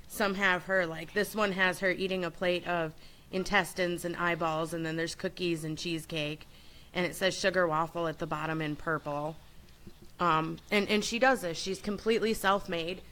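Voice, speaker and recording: A woman hosting a radio show, chatting casually and admiringly in a loose, unscripted way as she gives shout-outs. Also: on the low side.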